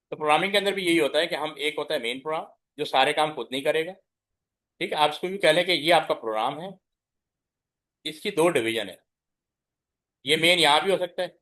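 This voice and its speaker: A man's voice: on the high side, a bit bright. A middle-aged male teacher giving a classroom lecture, explaining step by step, mixing in English terms and checking that his students follow. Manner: mixes English terms into Hindi speech. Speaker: computer science teacher.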